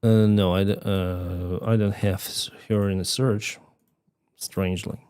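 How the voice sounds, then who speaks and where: On a live stream, a Crimean man whose first language is Russian talks in a relaxed, chatty way, laughing a lot as he reads donations and donor names aloud. He has a Ukrainian accent and a low, darkish, clean voice that moves little in pitch, delivered at a measured pace.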